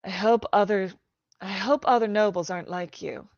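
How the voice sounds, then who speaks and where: Lady reading a tough wry girl, low mutter, gravelly, dull dry sound. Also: moderate pace, darkish tone, no echo, close to an everyday voice. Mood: guarded, wry. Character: big sturdy girl, guarded, wry.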